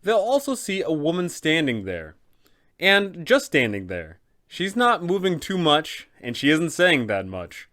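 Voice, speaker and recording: A man with a slightly high, somewhat bright voice whose pitch swoops wildly hosts an easygoing explanatory guide for tabletop GMs. Speaking a little slowly, he offers game-master advice conversationally, sprinkled with rhetorical questions.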